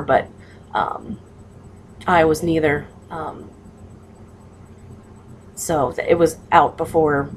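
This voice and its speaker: A woman with a low voice talks informally, as a patient passing on practical tips. Her delivery is halting and matter-of-fact, and there is noise behind her. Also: a little mellow. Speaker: patient sharing surgery recovery advice. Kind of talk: casual personal vlog talk.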